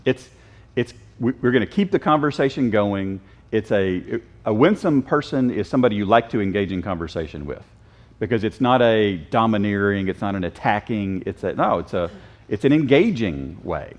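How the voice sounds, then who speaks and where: A man's voice: fairly low pitch, animated, moderate pace, muffled recording. A man teaching a casual Bible class, joking and quizzing his students. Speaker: Sunday school teacher. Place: church classroom.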